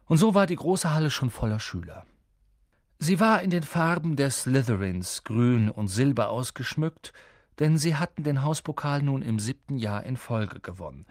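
A man reading an audiobook in expressive, scripted narration on a close mic. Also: mid-range voice, no echo. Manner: expressive, lively storytelling.

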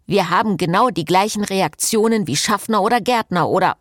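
A woman's voice: mid-range voice, fairly quick, dry recording, clean studio sound, close to an everyday voice. A woman voicing a flustered young male priest who pleads and protests in an audiobook scene. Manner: pleading, exasperated.

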